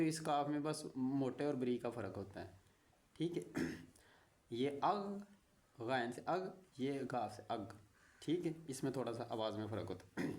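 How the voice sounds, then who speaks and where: Man slowly drilling reading lessons. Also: mid-range voice, darkish tone. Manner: slow, patient syllable-by-syllable drilling with short asides. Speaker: teacher. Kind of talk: spelling out letter combinations for beginners.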